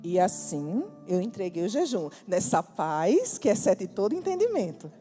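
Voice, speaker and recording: Woman preacher, testimony sermon, animated storyteller, big hall reverb. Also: medium pitch, moderate pace, soft background music. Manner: lively storytelling, acts out dialogue, bursts of emphasis.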